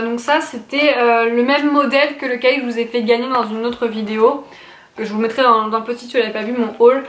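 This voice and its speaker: Recorded in an echoey room with faint noise, a young vlogger talks casually about her shopping haul, rambling and full of fillers and restarts. She has a fairly high, fairly bright voice.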